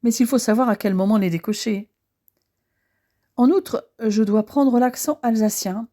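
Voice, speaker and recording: A woman narrating a first-person historical novel as an audiobook, in a calm, even storytelling manner. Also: on the high side, unhurried.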